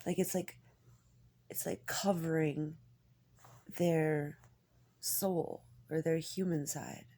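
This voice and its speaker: A woman in a rambling, confessional personal monologue, halting and candid, with a husky, gravelly voice that often drops toward a whisper. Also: sits low, fairly even intonation, warm tone. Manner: halting, hesitant, candid, swearing.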